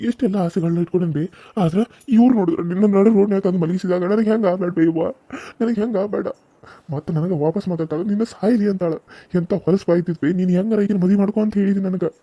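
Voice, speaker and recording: A man voicing a hot-tempered village husband, scolding gruffly. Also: high voice, mellow, dry recording. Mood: consoling.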